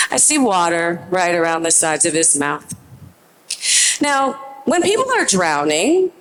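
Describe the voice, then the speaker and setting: A woman performing a personal story live on stage, emotional, shifting between brisk stretches and slow, deliberate phrases. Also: on the low side, poor audio. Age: adult with a young child.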